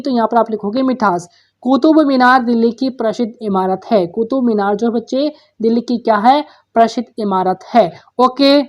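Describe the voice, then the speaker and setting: A woman's voice: fairly high pitch, a little mellow. A woman teacher, patiently working through workbook answers, asking questions and repeating the answers for young pupils. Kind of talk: workbook solution lesson.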